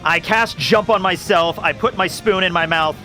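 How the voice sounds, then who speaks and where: A man's voice: sits high, moderate pace, pushed and bright, faint music behind. A man chatting casually as a player in a tabletop role-playing game, talking through his moves.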